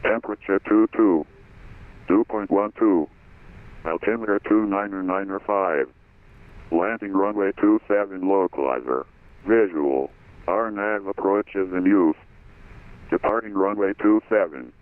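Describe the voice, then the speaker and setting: A low-voiced man recites an airport weather broadcast in an even, steady delivery of numbers and codes. His voice comes through a tinny, narrow-band aviation radio channel. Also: a little slow, no room sound. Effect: airport weather broadcast over aviation radio. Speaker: automated terminal information broadcaster.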